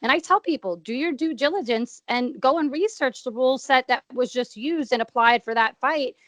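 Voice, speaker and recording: A woman's voice: sits high, moderate pace, fairly bright tone, no room sound. A woman interviewing in a casual, conversational way, effusive and repeating words for emphasis. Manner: effusive, stressing words by repetition.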